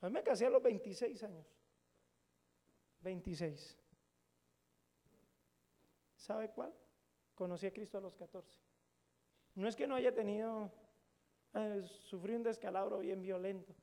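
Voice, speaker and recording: A middle-aged man preaches to his congregation. His voice sits high and carries a gravelly edge. He tells stories casually and jokes as he goes, throwing questions out to the audience. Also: measured pace, pauses often, mellow. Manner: colloquial, joking storytelling with questions to the audience. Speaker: pastor. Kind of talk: sermon.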